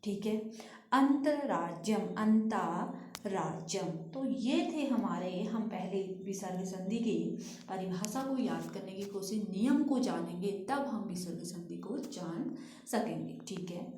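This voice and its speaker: Female teacher, middle pitch, slow and patient, asks and answers her own questions, echoey room. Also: warm tone. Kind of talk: Sanskrit grammar lesson.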